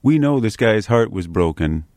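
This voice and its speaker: A man's voice: on the low side, expressive, moderate pace, darkish tone, no echo, clean studio sound. Man in his forties hosting a radio arts show. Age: 40s. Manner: friendly, playful, then scripted announcing. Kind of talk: radio interview and show outro. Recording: music bed playing under the voice.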